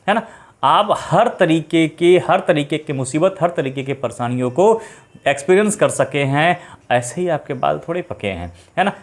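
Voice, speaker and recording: Higher-pitched male idioms teacher. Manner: repeats questions to the class, slows to read English phrases. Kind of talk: exam-prep idioms lesson. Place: online live class.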